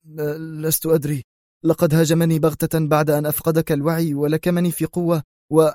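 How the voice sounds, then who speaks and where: A man's voice: on the low side, steady tone, normal speed, mellow, no echo, clean studio sound, lightly acted. A man voicing a dazed, frightened mafia underling in an audiobook, stammering his words. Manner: stammering, alarmed. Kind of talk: audiobook character voice.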